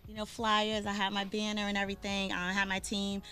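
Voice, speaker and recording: A woman from Boston, Massachusetts, speaks in a mid-range, monotone voice that's brisk, bright and forceful. She's a guest on the show doing casual interview talk. She's chatty and laughs easily, with lots of ums and restarts.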